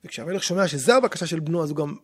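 A man, a rabbi, teaching in conversation and telling stories with lively quoted voices. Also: on the high side, slightly rough. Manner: animated storytelling, acting out quoted voices. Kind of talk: teaching on scripture in a podcast conversation.

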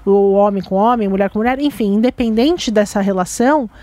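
Measured woman hosting a chat show. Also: mid-range voice, dark tone, no room sound. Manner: measured, thoughtful, steering the conversation. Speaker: host.

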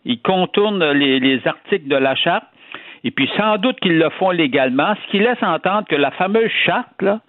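A man's voice: high-pitched, expressive, normal speed, no echo. A male columnist with a Quebec French accent giving colloquial, conversational commentary, repeating words for emphasis over a narrow phone-like line. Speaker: financial columnist and radio contributor.

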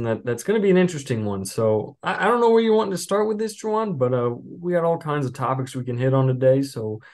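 A man hosting a sports podcast as beat reporter, talking in a relaxed, rambling way with many fillers and restarts. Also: mid-range voice. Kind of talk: casual sports podcast chat.

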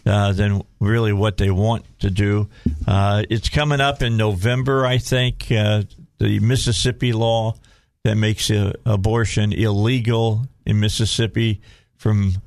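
A man's voice: lowish voice, steady tone, measured pace, a little mellow, no echo. A man with a Southern US accent hosting a casual talk radio show in a folksy way, often repeating phrases as he goes.

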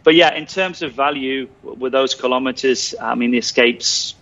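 A man's voice: medium pitch, moderate pace, fairly bright tone, highs cut off. Chatty male radio car expert. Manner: chatty, hesitant restarts, jokey. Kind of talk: casual radio advice.

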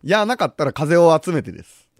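A man's voice: a little high, animated, quick pace, dry recording, clean studio sound. A man with a co-hosting a radio show, chatting casually and eagerly explaining and correcting. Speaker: radio co-host. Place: radio studio.

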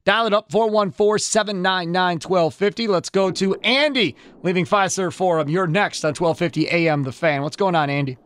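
A man's voice: high voice, moderate pace, hardly any pauses, a bit bright, clear, resonant tone, no echo. A man hosting a live postgame sports call-in radio show, chatty and emphatic, repeating phrases.

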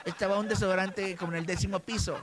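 Playful high-voiced radio man. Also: fairly even intonation, quick pace, background noise. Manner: playful, acts out jokes in silly voices. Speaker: radio co-host. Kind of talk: joking radio banter.

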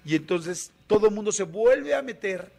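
A man with a Mexican Spanish accent, a radio guest telling a story in a colloquial, animated way with many fillers. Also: high voice, normal speed, creaky.

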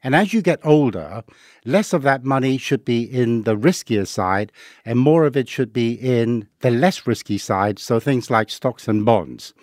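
A man's voice: medium pitch, expressive, a little slow, darkish tone, no echo, clean studio sound. Patient middle-aged man from Hong Kong. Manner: patient, explains step by step with worked examples. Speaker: investing guest. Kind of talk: podcast interview.

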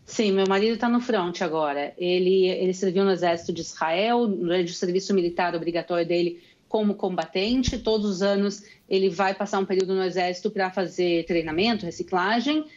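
Speaking over a remote call as a guest commentator, this young gaúcho woman from Rio Grande do Sul, who lives in Israel, earnestly lays out what happened in an interview. Her voice is fairly low and darkish, with the high frequencies cut off.

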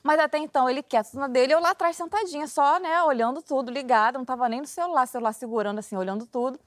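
A woman tells a story in a casual chat, with a high voice and a rapid pace. She keeps it animated, laughing as she goes and acting out each line of dialogue. The recording is dry and close, with no room sound. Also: no room sound. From Rio de Janeiro, Brazil.

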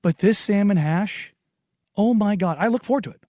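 A man with an American accent and a raspy, hoarse smoker's voice, chatting casually and bluntly as a sports radio host. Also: sits high, normal speed, mellow, no echo, clean studio sound. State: hoarse from long covid. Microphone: close studio radio microphone.

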